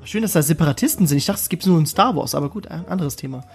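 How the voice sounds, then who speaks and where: A man's voice: fairly high pitch, lively intonation, very fast, gravelly, a little mellow, soft background music. A man co-hosting a casual podcast, joking around, laughing often and spelling words out letter by letter. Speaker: podcast co-host. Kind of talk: casual chat.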